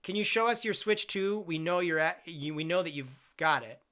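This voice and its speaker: A man's voice: on the high side, lively intonation, normal speed, sharp tone. A man in his twenties chatting casually on a live stream, reading out viewer questions and rambling with jokes at his own expense. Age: 20s. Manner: rambling, self-deprecating, jokey.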